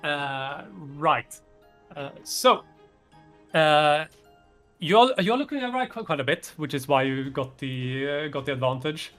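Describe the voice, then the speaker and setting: A man's voice: a little high, a little slow, a bit bright, faint music behind. A man improvising narration as game master, hesitant and often searching for words.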